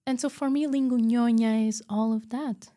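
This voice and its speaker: Woman, from Macau, heritage researcher, mellow tone, reflective, unhurried, searching for words. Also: on the high side, fairly even intonation. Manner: thoughtful, slow, searching for words. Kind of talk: reflective interview talk.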